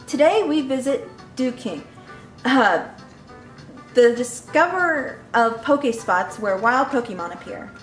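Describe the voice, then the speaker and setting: A woman's voice: on the high side, expressive, unhurried, echoey room, soft background music. A woman voicing a chirpy female TV field reporter, reading in an announcer style. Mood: announcing.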